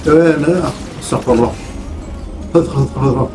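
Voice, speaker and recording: Casual male gameplay host, Gulf Arabic accent, quick delivery, repeats his phrases, some music behind. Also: mid-range voice, echoey room. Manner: repeats catchphrases and short phrases. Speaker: gaming video host.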